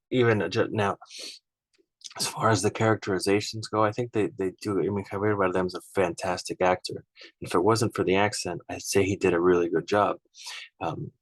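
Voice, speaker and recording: A low-pitched man talks through his opinions in a loose, rambling way, tagging his points with "right?" and getting openly irked. The sound is dry and close, with no room around him. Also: no room sound, rough recording. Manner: rambling and conversational, often ending points with "right?"; frank and opinionated, easily irked. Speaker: film reviewer. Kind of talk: casual spoken film comparison.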